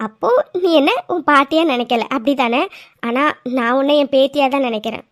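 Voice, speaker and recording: A woman voicing an affectionate elderly grandmother in an animated serial, coaxing and reassuring, often ending lines with little tag questions. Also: high voice, dry recording, clean studio sound, natural voice.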